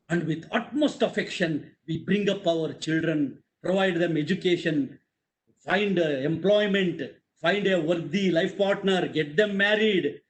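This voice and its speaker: An Indian man with a high-pitched voice delivers a motivational talk with strong feeling. He leans on repeated phrases and presses his points with emphasis. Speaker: webinar speaker.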